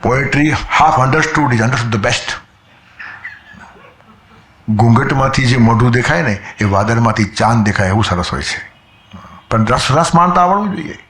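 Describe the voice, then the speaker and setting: A man delivers a spiritual discourse in a storytelling manner. He quotes old verses and sometimes acts out the voices of people in his anecdotes. His voice sits at a middle pitch and carries a roomy echo. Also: animated, measured pace, long pauses, a bit bright, a little hiss or hum. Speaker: spiritual speaker.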